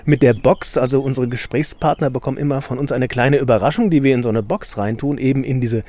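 A man's voice: medium pitch, fast, mellow. A man conducting a casual radio interview outdoors on a farm, conversational and probing, often tagging his questions. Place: outdoors at a vegetable field.

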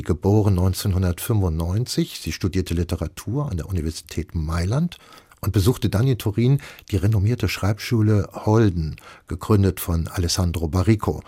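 Low, husky, mellow male presenter. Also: dry recording. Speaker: radio presenter. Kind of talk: scripted introduction.

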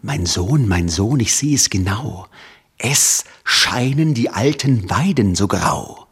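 A man voicing a father who speaks in a low, soothing, steady way. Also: slow pace, breathy edge, full character voice. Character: calm, reassuring father on horseback.

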